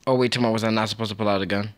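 A young man giving casual, excitable gameplay commentary, trash-talking and laughing as he plays. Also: lowish voice, racing. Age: young adult. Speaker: gaming YouTuber.

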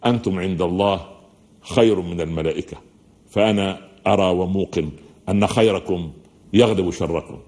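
A man with an Egyptian accent giving a religious lecture in a hall, talking fast and mixing formal and everyday speech as he asks the audience questions. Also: low voice, darkish tone. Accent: Egyptian Arabic. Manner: fast-talking, says listeners are used to his speed.

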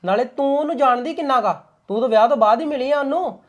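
A man playing a fast-talking young Punjabi farmer. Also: high voice, close to an everyday voice. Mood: insistent. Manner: fast, assertive, dismissive when irritated. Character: young Punjabi farmer, stubborn, short-tempered husband. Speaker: young farmer son and husband. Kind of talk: Punjabi web drama acting.

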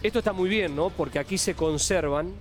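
A male TV crime host with a Rioplatense Argentine accent, speaking in a somewhat raised pitch. He delivers emphatic, indignant commentary from a studio. Faint music plays in the background. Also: fairly quick. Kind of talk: TV crime news presenting and commentary.

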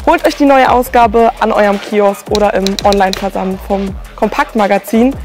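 A young woman delivering a promotional pitch straight to the audience in an advert. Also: normal speed. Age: young adult. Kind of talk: promotional magazine and shop advert. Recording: music bed under the voice. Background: music.

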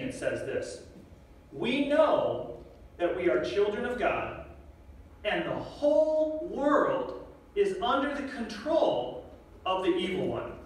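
A man's voice: sits high, slight background noise. A young man preaching as a guest speaker, earnest and direct, asking the congregation questions. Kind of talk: sermon. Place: church sanctuary. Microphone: podium microphone, filmed from far back. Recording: echoey church room from far off.

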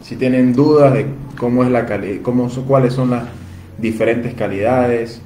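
A man's voice: medium pitch, fairly even intonation, normal speed, warm tone. A man from Venezuela, selling phone parts and courteously answering viewers' questions in a live Q&A. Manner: courteous, addresses viewers as "usted". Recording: roomy echo, faint ambient noise.

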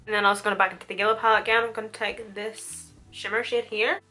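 Beauty vlogger: woman in her twenties, crisp bright tone, informal and chatty, mid pitch. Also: fast talker, faint music behind. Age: 20s. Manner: informal, chatty, animated storytelling. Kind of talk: casual chatty makeup tutorial. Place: small room at home, indoors.

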